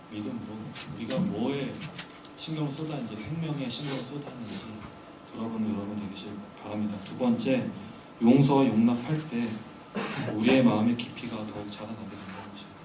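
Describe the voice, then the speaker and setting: An earnest man delivers a sermon, pressing his listeners with rhetorical questions. His voice rings around a reverberant church hall and sounds picked up from some distance away. A steady hum of background noise sits under his words. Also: fairly low pitch. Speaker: preacher. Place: church sanctuary during a weekday service.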